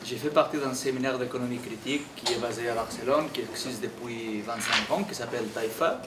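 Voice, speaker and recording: Man, Catalan foreign accent, halting academic talk, repeated words, echoey noisy recording. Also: medium pitch. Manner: halting non-native French with repeated words. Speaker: invited speaker, activist economist. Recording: echoey room, distant mic, clearly noisy.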